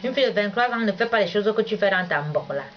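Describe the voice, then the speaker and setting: A woman's voice: mid-range voice, animated, quick pace, soft background music. A woman, scolding a rival in a heated, repetitive monologue. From Cameroon. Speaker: vlogger. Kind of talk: confrontational monologue addressed to a rival. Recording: dull lo-fi recording with faint hiss.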